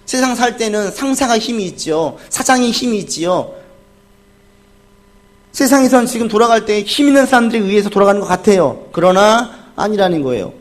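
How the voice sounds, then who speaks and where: A male pastor giving a Sunday sermon, asking the congregation questions and answering them himself, dropping to quiet asides and rising to loud cries when he acts out the crowd. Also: lively intonation, fairly quick. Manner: swings from soft, low asides to loud, high cries when acting out the crowd and the beggar.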